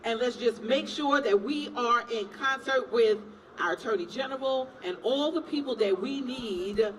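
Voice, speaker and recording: Fiery, very high-voiced man leading a rally. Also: a bit bright. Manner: fiery, call-and-response. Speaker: assembly member. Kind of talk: rally speech. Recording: distant mic with a noisy crowd.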